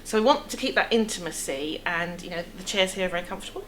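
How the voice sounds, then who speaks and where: A woman's voice: lowish voice, animated, fast, poor audio. A middle-aged woman with an English accent, explaining things chattily in a casual interview. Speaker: theatre producer being interviewed. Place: indoor theatre foyer cafe seating area. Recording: clear background room noise.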